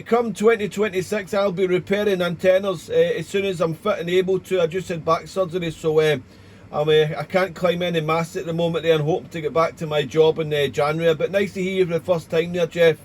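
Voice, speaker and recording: A man's voice: high voice, a little hiss or hum. A man speaking as an amateur radio operator in a chatty, rambling, courteous way, with call signs and radio procedure words. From Wales, United Kingdom. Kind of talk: casual ham radio contact with call signs.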